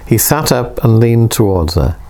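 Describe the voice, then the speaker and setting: A man narrating an audiobook in a measured, unhurried way. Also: fairly low pitch, animated, darkish tone, a little hiss or hum.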